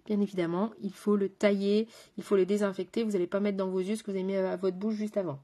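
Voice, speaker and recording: A woman's voice: medium pitch, flat delivery, fast talker, warm tone. A woman with a French accent, a makeup artist chatting with viewers while doing her makeup on a live stream. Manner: chatty, talks straight to viewers and chat.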